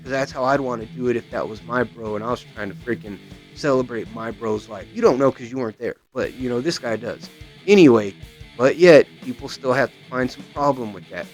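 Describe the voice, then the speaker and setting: A man's voice: mid-range voice, fairly quick, a little mellow. Guitar vlogger guy ranting, swears a lot, rambles, faint music in the back. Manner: profane, rambling, repeats "you know what I mean". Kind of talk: casual rant to camera.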